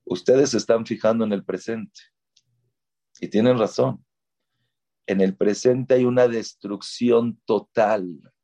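Slow, emphatic religious teacher. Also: male voice, mid-range voice, warm tone. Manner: emphatic, repeats key words for effect. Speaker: Torah teacher. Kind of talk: religious lecture. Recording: dull lo-fi recording.

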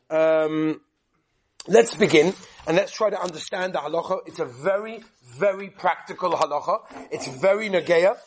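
High, husky male rabbi. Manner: animated, rhetorical questions, repeats phrases for emphasis. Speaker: rabbi teaching a class. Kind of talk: lively religious lesson with storytelling.

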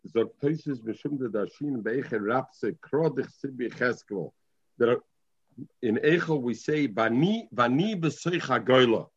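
A man's voice: fairly high pitch, breathy edge. Muffled Yiddish-inflected man teaching Talmud. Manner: repeats and restates phrases. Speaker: religious teacher. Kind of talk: informal Talmud lesson, reading and explaining.

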